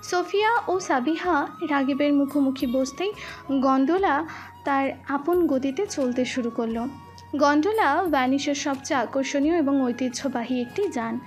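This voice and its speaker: A woman narrating a romantic story with an expressive, flowing delivery. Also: high voice. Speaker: voice artist, storyteller.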